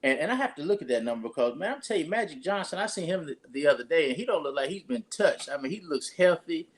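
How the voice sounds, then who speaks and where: A man's voice: fairly high pitch, lively intonation, fast. A pastor, talking casually and rambling through his introduction of a guest with many restarts.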